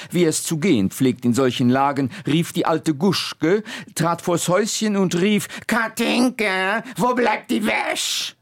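Lively man reading a story aloud. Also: mid-range voice, no echo, clean studio sound. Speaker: radio presenter and reader. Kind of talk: literary radio reading.

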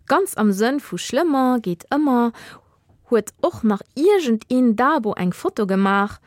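A woman's voice: on the high side, expressive, unhurried, dry recording. Woman reading a children's story, dry studio sound. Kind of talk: scripted story narration for children's radio.

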